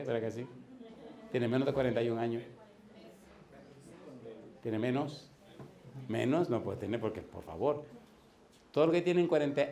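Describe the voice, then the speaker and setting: A man in his fifties preaching a sermon with lively energy. He keeps firing questions at the congregation and waits for their answers. His voice sits at a middle pitch for a man. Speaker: pastor.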